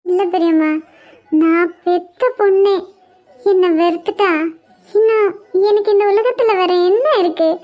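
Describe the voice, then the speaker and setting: With a Kanyakumari Tamil accent, a woman voices a heartbroken young mother rejected by her daughter in a cartoon web series, crying, despairing, and pleading. Her very high, warm voice keeps a fairly even intonation, moving a little slowly with long pauses.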